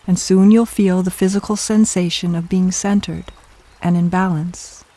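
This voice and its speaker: A soft, soothing voice guiding a meditation in slow, measured phrases with long pauses between them. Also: mid-range voice, steady tone, poor audio. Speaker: meditation guide. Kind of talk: guided meditation, scripted narration.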